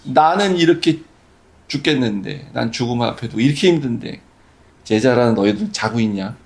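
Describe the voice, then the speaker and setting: A pastor voicing Jesus in deep sorrow, pleading with his disciples to stay and pray with him. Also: expressive, normal speed, natural voice. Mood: weary reproach.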